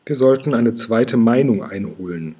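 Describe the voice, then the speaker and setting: A man voicing a curious, eager young male dragon, with a dark, breathy voice. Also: mid-range voice, animated, normal speed.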